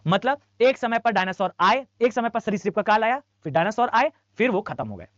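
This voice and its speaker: A man's voice: high-pitched, expressive, fairly quick, fairly bright tone, no room sound. A male teacher giving an online class lecture, drilling lists by repetition and mixing English phrases into his talk. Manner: drills lists by rote, repeating for students; mixes English phrases into Hindi. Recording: dull dry lo-fi mic.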